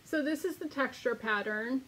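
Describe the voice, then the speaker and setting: A woman co-hosting a casual podcast, talking in a relaxed, self-deprecating way. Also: high-pitched, normal speed, a little hiss or hum, rough recording. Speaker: podcast co-host. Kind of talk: casual chat.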